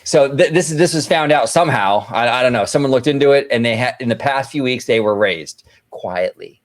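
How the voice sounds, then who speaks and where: A man hosts a casual podcast chat, brash and talkative, swearing freely and repeating phrases as he riffs. His voice is medium-pitched, animated, and brisk.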